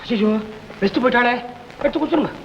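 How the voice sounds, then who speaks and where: A high, rapid-fire voice of a gossipy comic doctor, who chatters and needles everyone. He sounds like an old film soundtrack, muffled and ringing with long reverb. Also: creaky, a little hiss or hum. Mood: teasing. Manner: fast, gossipy, wheedling comic patter. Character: chatty meddling male doctor, gossiping and teasing.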